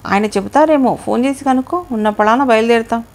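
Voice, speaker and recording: A woman's voice: a little high, fairly quick, lightly acted. A woman voicing a dignified, long-suffering mother in an audio novel, firm and restrained.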